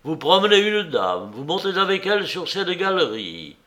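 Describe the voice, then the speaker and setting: A man voicing a severe police commissioner who questions a suspect sharply and loudly. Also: a little high, animated, unhurried. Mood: mocking. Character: stern, probing male police commissioner.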